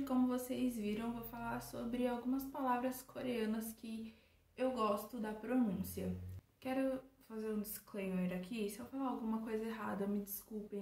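A woman hosting a casual language vlog, repeating each foreign word slowly several times. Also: on the high side, mellow, distant mic. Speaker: language vlogger. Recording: roomy echo.

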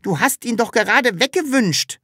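A woman voicing a cheeky, stubborn, childlike magical creature in an audiobook, with a high, bright voice and an insistent, excitable way of talking. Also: measured pace, dry recording, clean studio sound. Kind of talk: audiobook character reading.

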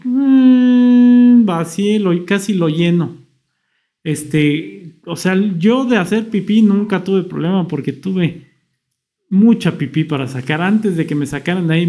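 A young man tells a personal story in a loose, casual way. His voice sits a little high but sounds mellow and dark. He jumps into quoted lines, mimicking what he and others said. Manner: animated retelling, acts out his own past quotes. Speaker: vlogger.

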